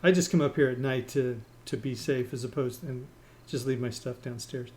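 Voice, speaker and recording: A man in casual voice chat with friends while playing a game, explaining things haltingly with fillers. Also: mid-range voice, a little mellow, a little hiss or hum. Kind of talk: casual voice-chat gameplay talk.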